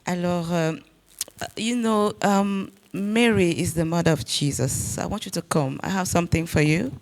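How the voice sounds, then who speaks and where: A woman playing a devout, affectionate visiting sister in a drama, speaking halting broken French mixed with English. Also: fairly low pitch, a little hiss or hum. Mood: tender, devout.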